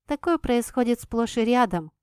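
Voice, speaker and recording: A spirited young heroine with a quick, stubborn temper, her voice lifted above the reading tone, played by a woman narrator. She insists and argues in bright, emphatic bursts. The audiobook recording is dry and close. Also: expressive, clean tone, no room sound, close to an everyday voice. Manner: emphatic, higher and livelier than the narration. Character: impulsive, sharp-tongued young woman heroine. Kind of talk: audiobook character voicing.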